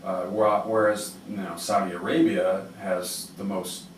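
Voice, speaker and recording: A man's voice: low voice, flat delivery, unhurried. A man hosting a public radio interview, talking in a hesitant, digressive, rambling way. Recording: roomy, noisy, distant-mic radio interview.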